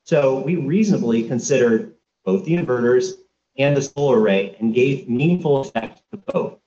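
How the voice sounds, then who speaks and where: A man's voice: medium pitch, animated, mellow. Guy lawyer doing oral argument in court, careful and formal, kinda dull lo-fi audio. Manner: precise, formal, cites sources slowly. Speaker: agency lawyer arguing in court.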